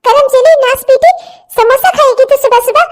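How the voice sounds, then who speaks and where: A woman voicing a harsh, middle-aged cartoon stepmother who berates and curses in a shrill voice. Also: brisk. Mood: furious scolding. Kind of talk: cartoon voice acting.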